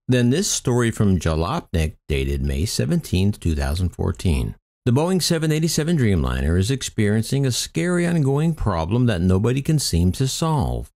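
A man with a warm, lowish voice narrates aviation news from a script over footage. He reads the reports aloud, now and then adding brief comments of his own.

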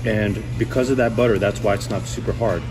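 A man's voice: fairly low pitch, brisk, over music. A man in his thirties hosting a casual food review in a restaurant, chatty and enthusiastic. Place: restaurant booth indoors.

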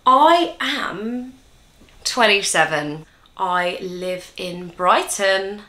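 A woman's voice: medium pitch, drawn-out words, pushed and bright. A woman in her twenties chatting casually to camera in a rambling, self-mocking way while answering viewers' questions. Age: 20s. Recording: roomy echo.

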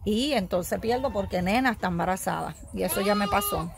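A woman's voice: mid-range voice, fairly quick, gravelly. A woman filming her goats and sheep in an outdoor pen, talking to the animals in a soothing, cooing way and laughing often. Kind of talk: casual phone vlog with animals. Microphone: handheld phone.

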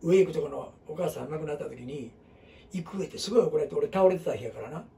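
A man's voice: on the high side, fast talker, gravelly, mellow, recorded from a distance. A middle-aged man with a Kansai accent, teaching a group in a rambling, casual way full of fillers and asides. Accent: Kansai Japanese. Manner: rambling, talks in dialect with many fillers and asides. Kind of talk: casual classroom talk.

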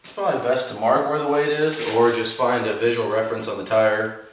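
Fairly quick and fairly even in intonation, this man's mid-range voice walks through how to use a tool in his concrete-floored home garage as he films handheld. His delivery is relaxed and meandering, with fillers and self-corrections, against the garage's echo and faint background noise.

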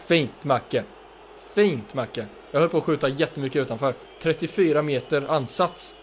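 Swedish gaming host calling his own football match, excitable, a bit high-pitched, light background hiss. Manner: commentates his own play, shouts at players, bursts of excitement. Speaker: gaming youtuber. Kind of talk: excited play-by-play of a football video game.

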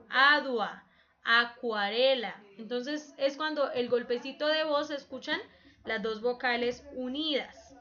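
A woman's voice: high-pitched, sharp tone, highs cut off. A woman teaching a children's class, patiently explaining examples and prompting the pupils with questions. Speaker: primary school teacher.

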